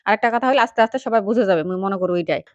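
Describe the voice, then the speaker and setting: Woman, Panchagarh regional accent, vlogger, chatty, very fast, lo-fi dry sound. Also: mid-range voice, no echo. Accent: Panchagarh regional Bengali. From Panchagarh, northern Bangladesh. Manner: chatty, addresses viewers directly. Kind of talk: casual chat to viewers.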